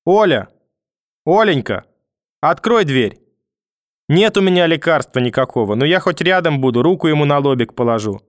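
A man's voice: a little high, animated, moderate pace, pauses often, no room sound, studio quality, lightly acted. A man voicing a hysterical, manipulative old grandmother who wails, pleads and curses through a door in an audiobook reading. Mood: wailing pleading. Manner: wailing, pleading then cursing through a door.

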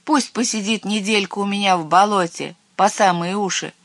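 A storyteller voicing a spiteful swamp witch who shouts out a gloating threat. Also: mid-range voice, moderate pace, no room sound, close to an everyday voice.

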